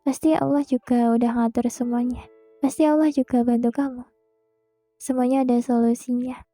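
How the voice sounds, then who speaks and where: A young woman hosting a podcast, speaking a gentle, reassuring monologue straight to the listener. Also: fairly high pitch, steady tone, normal speed, soft background music. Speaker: podcast host. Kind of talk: soft comforting monologue.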